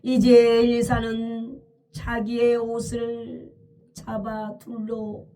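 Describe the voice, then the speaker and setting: A woman's voice: fairly high pitch, completely flat delivery, very slow, dark tone, distant mic, faint music behind. A woman preacher telling a scripture story as a dramatic, emphatic sermon, often crying out hallelujah.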